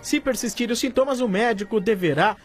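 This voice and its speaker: A man hosting a radio sports show, chatting and reading live ads in a relaxed, playful way. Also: high voice, quick pace, soft background music. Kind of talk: casual sports talk and live-read ads.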